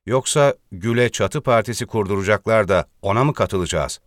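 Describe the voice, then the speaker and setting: An anxious male party deputy who begs and pleads in earnest, as a man reading the column puts him on. His voice sits low and sounds dry and close-miked. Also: fairly quick, no room sound, lightly acted. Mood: pleading.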